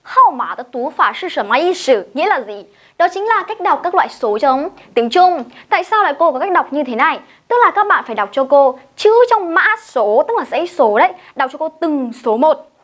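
A woman's voice: high-pitched, very animated, a little fast. A woman teacher with a Vietnamese accent giving a video lesson, explaining step by step and leading learners through repeated drills. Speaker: Chinese language teacher. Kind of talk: classroom-style video lesson.

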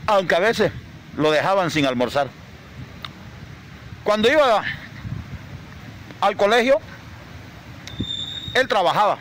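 A man recites a rhymed poem in an emotional, declaiming manner. His voice sits fairly high and swings widely in pitch. Faint noise lies under the voice. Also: sharp tone, poor audio.

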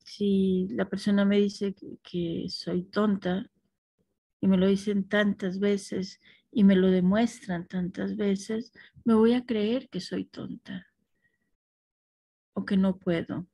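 A woman teaching a class, talking thoughtfully with restarts and soft affirmations to her students. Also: mid-range voice, little pitch movement, slow, breathy edge, dry recording.

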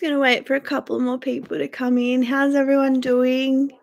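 With a high, level-toned voice, vocal fry and a moderate pace, a young Australian woman in her twenties chats with viewers by name during a casual livestream. The sound is lo-fi, she's in a small indoor bedroom, and she's stuffy from a sore throat.

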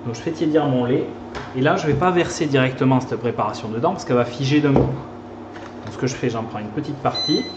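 A man with a Toulouse French accent gives a live pastry lesson, talking casually while he works. His voice sits at an ordinary pitch and bounces around an echoey kitchen. Steady background noise runs under the recording. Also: a little fast, dull audio. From southern France. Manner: chatty, talks while whisking and stirring. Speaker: pastry teacher.

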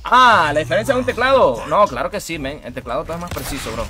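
A high-voiced man, streaming a fighting game and commentating fast and loud. He keeps calling viewers bro and rey and greets chat by name, with music playing clearly behind him. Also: animated. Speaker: gaming streamer.

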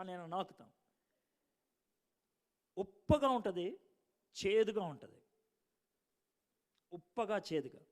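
High-voiced preacher. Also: male voice. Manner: lively storytelling preaching, swinging between loud bursts and hushed asides. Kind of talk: sermon.

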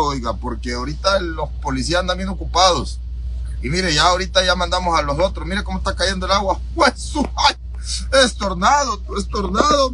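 Excitable high-voiced Salvadoran trucker. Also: male voice, a little hiss or hum, poor audio. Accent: Salvadoran Spanish. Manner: excitable, exclaiming, joking. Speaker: truck driver. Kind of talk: casual live driving vlog. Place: truck cab in a heavy storm. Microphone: phone held on the dashboard.

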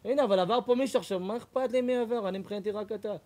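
A man, a rabbi, giving an animated sermon, loud, repetitive and mocking. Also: high voice. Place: lecture hall.

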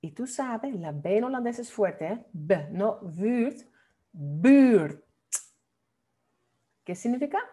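A woman teaching a lesson on Dutch pronunciation, playful and repeating words slowly as drills. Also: on the high side, animated, warm tone. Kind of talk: online language lesson.

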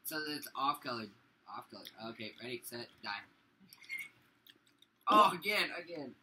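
A man's voice: medium pitch, very animated, moderate pace, pushed and bright, rough recording. A young man chatting and joking bossily with friends during a food challenge, swearing and laughing. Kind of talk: casual chat among friends.

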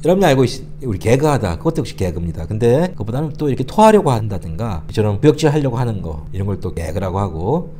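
A man runs an explanatory language lesson, his low, mellow voice rising and falling a lot as he walks through each phrase. He is patient and repeats lines so learners can copy them. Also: big pitch swings, fast talker. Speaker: English tutor.

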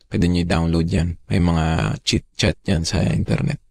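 A Filipino call center agent talking through a deep pitch-shifting voice changer plugin, chatting casually. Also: male voice, measured pace, vocal fry, no room sound, exaggerated voice. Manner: relaxed, chatty, mixing English and Tagalog. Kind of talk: casual vlog demonstration.

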